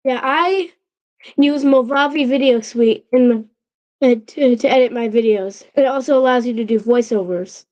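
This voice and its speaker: The lo-fi audio captures a channel host with a high voice, chatting haltingly on a casual livestream. She restarts often and checks in with her viewers, her voice slightly off from a sore throat still healing.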